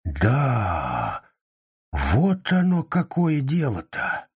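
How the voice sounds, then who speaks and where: A man voicing an old male street performer who pleads helplessly, with a croaky falsetto when he calls out. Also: very animated, a little slow, no room sound, studio quality, full character voice. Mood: dismayed, helpless. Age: older.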